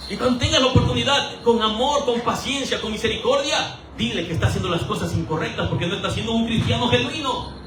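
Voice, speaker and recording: Male preacher, high bright voice, lively rhetorical sermon style, mic at a distance in an echoey church. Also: quick pace, hardly any pauses, noisy background. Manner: animated, rhetorical questions, acts out quoted voices for humor. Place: church hall. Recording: roomy echo, voice from a distance.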